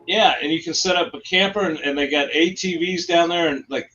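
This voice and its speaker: A forceful, bright-voiced American man with a fairly high pitch talks casually and bluntly, teasing his friends. He often restarts sentences, and the audio is a little dull. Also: a little fast. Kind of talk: casual group chat.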